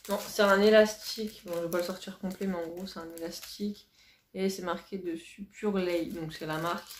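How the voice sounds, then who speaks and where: A woman's voice: lowish voice, steady tone, a little fast. A woman beauty vlogger chatting casually to camera, gushing and repeating words for emphasis. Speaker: beauty vlogger unboxing a box. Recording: roomy echo, faint hiss.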